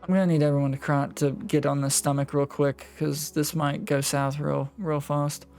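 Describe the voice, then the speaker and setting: A man's voice: fairly high pitch, flat delivery, moderate pace, creaky, a little mellow. A man playing a tabletop role-playing game, talking casually and directing the group. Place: online voice call. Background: background music.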